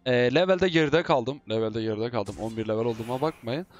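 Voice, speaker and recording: Excitable man commentating gameplay. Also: mid-range voice, brisk, faint music behind. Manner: excitable, shouting and teasing while playing. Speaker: gaming YouTuber.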